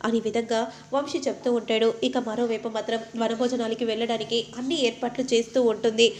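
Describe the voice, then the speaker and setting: A woman narrating a recap of a TV serial in a steady storytelling manner, recorded in an echoey room. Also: on the high side, fast. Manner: steady retelling with repeated connective phrases.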